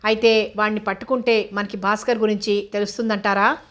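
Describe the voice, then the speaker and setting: A woman's voice: mid-range voice, level tone, brisk, natural voice. A woman voicing a confident young female officer who asks cool, probing questions in a storybook reading.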